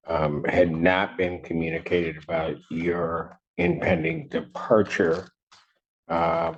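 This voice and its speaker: A very deep, gravelly man's voice presides as judge, picked up by a courtroom recording system. He speaks in a measured, halting way, full of ums and pauses. The sound is muffled, with a faint hiss underneath. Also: darkish tone. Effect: courtroom audio recording. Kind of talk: formal court proceeding.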